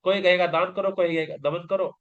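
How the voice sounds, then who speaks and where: A man's voice: high-pitched, fairly even intonation, a little fast. A man teaching a recorded yoga exam-prep lecture, explaining patiently and often asking and answering his own questions. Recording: dull lo-fi class recording.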